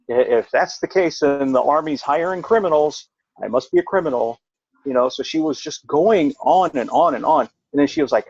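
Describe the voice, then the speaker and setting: A middle-aged man, a veteran, telling a long personal story in casual chat, rambling and jumping up in pitch when he quotes himself. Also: creaky, a little mellow, breathy edge, dry recording, highs cut off. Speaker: podcast co-host, veteran.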